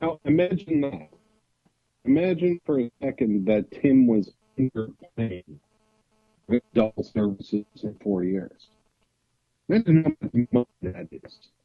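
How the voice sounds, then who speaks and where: A man's voice: medium pitch, sing-song, a little slow, no room sound. A man co-hosting a casual chat over a video call, his audio sounding robotic and cutting in and out. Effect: robotic, breaking-up call audio. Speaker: podcast co-host. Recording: dull lo-fi video call line.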